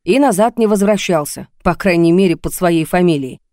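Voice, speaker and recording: A woman's voice: fairly low pitch, mellow, dry recording, clean studio sound, natural voice. A woman reading a remorseful man on the phone. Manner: apologetic, halting.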